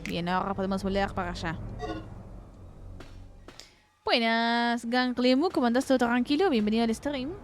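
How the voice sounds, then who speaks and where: A woman streamer with a Rioplatense accent giving casual gameplay commentary, reading game text aloud and swearing in excited outbursts. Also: a little high, normal speed, pauses often, faint music behind. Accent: Rioplatense Spanish.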